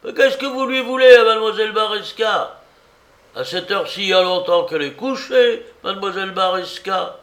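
A man reading aloud voices an indignant neighbor scolding loudly from a window. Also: sits high, fairly quick, pitched above the performer's own voice. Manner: scolding, loud. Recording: roomy echo.

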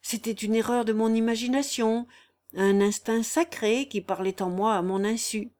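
A woman's voice: fairly high pitch, steady tone, moderate pace, darkish tone, natural voice. A woman reading the lines of an agitated young man in a storybook reading, passionate and tormented. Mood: anguished. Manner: feverish, intense.

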